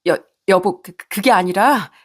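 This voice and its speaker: A woman's voice: medium pitch, moderate pace, close to an everyday voice. A woman voicing a flustered, guilty wife who stammers and pleads. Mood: flustered, pleading. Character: flustered wife caught cheating, begging.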